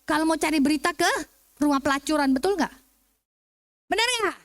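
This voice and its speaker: Singapore-born woman speaker, high voice, chatty Bible teacher who keeps asking the room questions. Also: a little fast. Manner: lively, joking, quizzes the audience. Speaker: seminar speaker.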